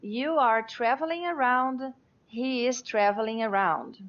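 Brazilian female English teacher, fairly high voice, precise rule explainer, muffled call audio. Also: takes it slowly. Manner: precise, clarifies rules, spells words letter by letter. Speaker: English teacher, podcast co-host. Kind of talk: conversational teaching podcast.

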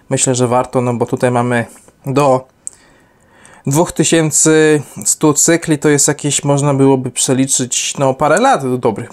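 A man's voice: medium pitch, darkish tone. A young adult man giving an unscripted product review, rambling with many fillers and self-corrections.

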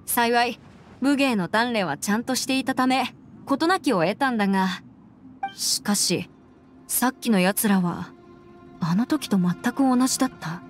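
Over background music in an anime game, a woman voices a composed, earnest young female adviser, using plain, matter-of-fact, somewhat mannish phrasing. Her slightly high voice is expressive and measured, with a pensive mood.

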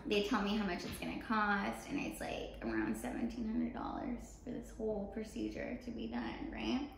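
A woman's voice: medium pitch, moderate pace, vocal fry. A young American woman telling a story in casual chat, acting out quoted dialogue and often saying "like". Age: young adult. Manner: animated retelling with quoted dialogue, frequent "like". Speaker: show co-host telling a personal story. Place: apartment living room, indoors. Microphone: camera mic a few feet away. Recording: echoey room, faint background noise.

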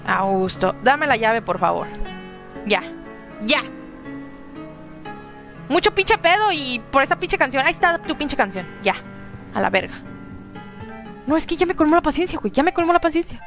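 High-voiced Mexican woman gaming, excitable. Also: moderate pace, pauses often, soft background music. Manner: excitable, swears a lot, coos at the baby. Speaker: gameplay streamer. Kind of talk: casual gameplay commentary.

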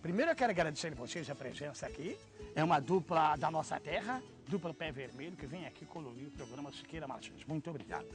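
A man's voice: a little high, lively intonation, fast talker. A middle-aged man hosting an outdoor TV show on a handheld mic, chatty and exclamatory. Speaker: TV host. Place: outdoor TV set by a rustic cabin. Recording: music playing behind.

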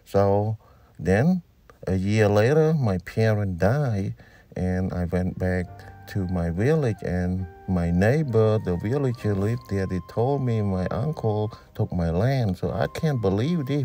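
A man's voice: lowish voice, expressive, dark tone, soft background music. A man giving a plain English voice-over of a translated interview. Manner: plain, slow, unhurried delivery in simple English.

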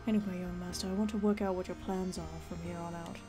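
A woman reads out a guarded older man, a serious companion in a video game. His delivery is measured and grave, with music playing behind. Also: on the low side, steady tone, natural voice. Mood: grave, confiding. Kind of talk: video game dialogue read aloud.

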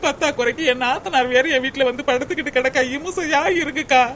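A woman's voice: high voice, quick pace, background noise, lightly acted. A woman voicing a put-upon young village wife in a cartoon, aggrieved and pleading, with a south Tamil Nadu accent. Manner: aggrieved, pleading, calls others akka. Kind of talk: cartoon voice acting.

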